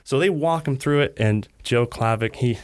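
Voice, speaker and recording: A man's voice: medium pitch, normal speed, smooth, dry recording. A man co-hosting a podcast, retelling a story casually and raising his voice to quote radio calls. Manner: animated retelling, quoting radio calls in raised voice. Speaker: podcast co-host.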